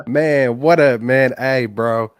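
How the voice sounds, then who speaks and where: An American man phoning in to a sports show over the phone, chatting casually and excitedly in slangy, informal fan talk. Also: medium pitch, no room sound. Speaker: caller on a live sports call-in show.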